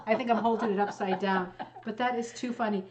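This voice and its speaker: A woman's voice: mid-range voice, fairly even intonation, brisk, a crowd in the background. A woman hosting like a chatty bingo caller, enthusiastic and gushing, with asides, repeats and bits read aloud in a casual way. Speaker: host of a hooked rug bingo show.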